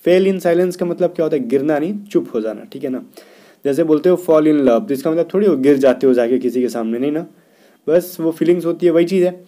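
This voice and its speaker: A man teaching English grammar for an exam in Hindi, reading English sentences slowly and often checking in with "theek hai na". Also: fairly high pitch, mellow. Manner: keeps asking "theek hai na" and "kya bhai". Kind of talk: exam-prep grammar lesson.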